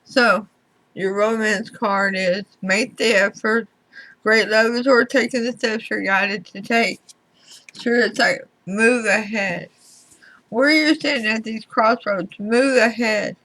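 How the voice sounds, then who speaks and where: A woman giving a tarot reading to viewers in deliberate short phrases, her speech slightly slurred as if from a swollen mouth. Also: fairly high pitch, sharp tone, rough recording. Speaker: tarot reader.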